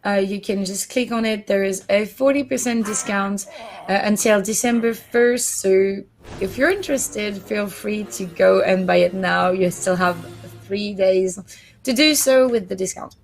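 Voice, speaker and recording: A female stream host chats casually with guests and viewers. Her voice sits at an average pitch and sounds informal. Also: a little slow, gravelly, low-quality recording. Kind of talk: casual livestream chat.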